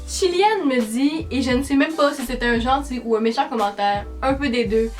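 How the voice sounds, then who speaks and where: A high-voiced teenage girl with a strong Québécois French accent talks chattily to her camera. She answers comments in a dry, sarcastic way. Faint music plays softly behind her. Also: normal speed. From Quebec, Canada. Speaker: YouTuber. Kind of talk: casual vlog, reading comments aloud.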